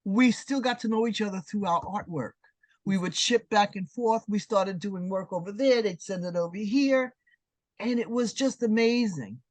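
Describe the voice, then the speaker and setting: A woman in her sixties from New York City, telling her story as an interview guest in an animated, emphatic way. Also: medium pitch, moderate pace, dry recording. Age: 60s. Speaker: guest artist. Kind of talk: casual interview chat.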